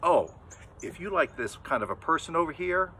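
Outdoors in front of a church, an older man gives a children's sermon in a husky, slightly high voice at a moderate pace. He tells the story casually and lively, acting out little inner voices and gesturing a lot, filmed standing full figure by a camera a few metres away.

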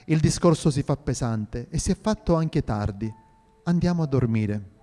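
A man's voice: medium pitch, expressive, moderate pace, dark tone, lightly acted. Man voicing a stately medieval emperor. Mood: weary. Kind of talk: audio drama reading. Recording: reverberant hall with faint music.

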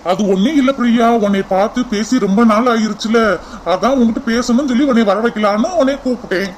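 Voice actor doing a cartoon young man, mid-pitched, coaxing, earnest. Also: fast, slight background noise, lightly acted, poor audio. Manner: coaxing, keeps repeating her name. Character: earnest young man urging his sweetheart. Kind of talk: cartoon voice acting.

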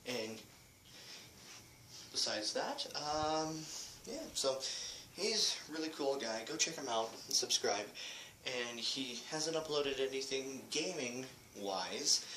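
Young male host, out of breath, halting and self-mocking, slow delivery, built-in mic in an echoey room. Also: medium pitch, sharp tone. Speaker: channel host. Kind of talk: casual channel update. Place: small room with echo. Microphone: built-in device mic. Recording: echoey room, faint hiss.

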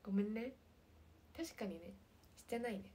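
A woman in her twenties with a light lilt, chatting casually on a livestream and reading viewer comments, often slipping into soft half-whispers. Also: mid-range voice, moderate pace, slight background noise. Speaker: idol livestream host.

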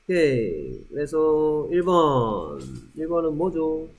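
Guy teaching english to a class, says each phrase real slow and repeats it, kinda high voice. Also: very animated. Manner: repeats English phrases slowly after Korean prompts. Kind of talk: classroom drill lesson.

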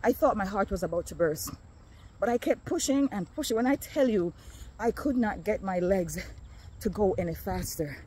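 A woman's voice: medium pitch, animated, normal speed, dark tone, slightly rough. Chatty woman walking outdoors. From Jamaica. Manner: chatty, talking to viewers while walking. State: slightly out of breath. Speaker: vlogger. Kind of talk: casual walking vlog. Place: outdoors on a neighborhood street.

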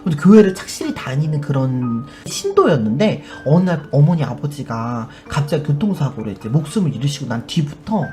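A woman's voice: low voice, dark tone. A woman hosting a live stream, chatting casually as she tells a story and acts out the people in it. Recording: music under the voice. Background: background music.

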